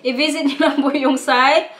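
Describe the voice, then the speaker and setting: A woman with a Waray accent vlogging in a casual, chatty way, her high voice carrying a roomy echo. She keeps turning to her viewers as she talks, a mother sharing her day. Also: moderate pace, a bit bright. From Eastern Visayas, Philippines. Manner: chatty, keeps addressing viewers as "guys", with frequent laughs.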